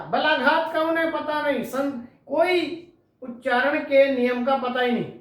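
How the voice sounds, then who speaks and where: A woman teacher giving an exam-prep lecture who asks her students questions and then answers them herself. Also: high voice. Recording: very echoey room, distant mic.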